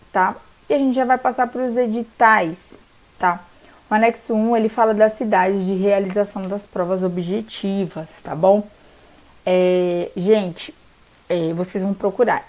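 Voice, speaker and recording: In a chatty vlog, a young law graduate from São Paulo state, Brazil, explains the rules of the bar exam, frequently checking in with "tá bom?". Her voice sits in the mid-range and sounds a little mellow.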